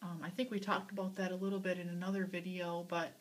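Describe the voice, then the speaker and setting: A woman's voice: on the low side, level tone, fast talker. A middle-aged woman casually chatting and asking questions as an interviewer, recorded at some distance from the microphone. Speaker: interviewer, granddaughter. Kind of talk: casual chat.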